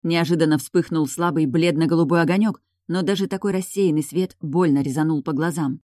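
Low, dark-voiced woman narrating a story. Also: a little fast, no room sound, clean studio sound. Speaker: audiobook narrator. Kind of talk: scripted narration.

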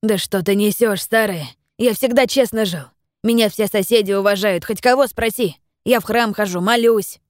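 A woman reading the part of an aging peasant miller in an audiobook, pleading and blustering by turns, a little higher than her narration. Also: moderate pace, dry recording, clean studio sound, natural voice. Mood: indignant. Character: grieving aging peasant miller, proud, greedy.

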